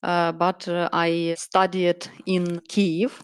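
A Ukrainian woman in her thirties, a salon owner and project manager, answering interview questions in careful, halting English with many pauses. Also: fairly low pitch, monotone, smooth, no room sound. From Ukraine, Donetsk region. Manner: earnest, halting non-native phrasing with many pauses.

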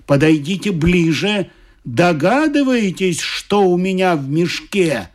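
A man voicing a stern, booming old bearded God who tests grown-ups, in a slow and ceremonious way. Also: expressive. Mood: solemn.

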